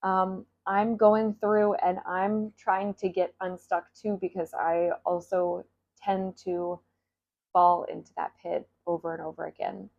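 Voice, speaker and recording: A woman's voice: on the low side, little pitch movement, unhurried, creaky, darkish tone. Woman vlogging, chatty and emotional, says a swear here and there, kinda dull audio. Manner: candid, laughing, emotional, swears. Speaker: self-help creator. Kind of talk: casual motivational talk to camera.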